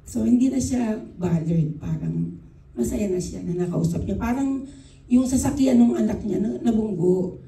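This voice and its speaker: A Filipino woman giving a church devotion, mixing Tagalog and English, unhurried, with frequent restarts. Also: medium pitch, creaky, mellow. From Philippines. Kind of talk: devotional talk with a personal story. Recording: echoey room, speaker far from the mic.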